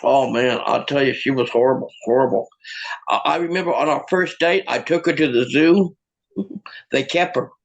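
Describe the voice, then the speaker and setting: A man's voice: medium pitch, moderate pace, creaky. A man doing a stand-up joke set, with stammering, rambling setups. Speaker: stand-up comedian.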